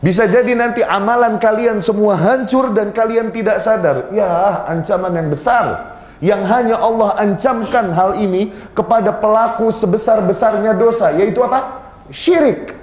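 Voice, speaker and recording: A man's voice: sits high, moderate pace, darkish tone. A man preaching an Islamic sermon, telling stories animatedly, acting out quoted dialogue and reciting Arabic passages. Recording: roomy hall sound.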